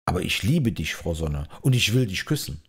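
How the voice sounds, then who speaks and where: A man voicing a mighty storm king in a fairy-tale audiobook, calling out loudly and ardently. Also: sits low, big pitch swings, moderate pace, husky, full character voice. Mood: ardent, pleading. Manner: calls out loudly.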